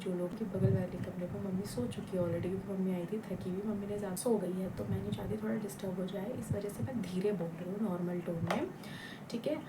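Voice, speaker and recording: Chatty young woman vlogging at home. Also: mid-range voice. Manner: chatty, loud and playful on camera, hushed while talking to camera at night. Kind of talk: casual daily vlog chat. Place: home, indoors. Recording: distant mic with noticeable background noise.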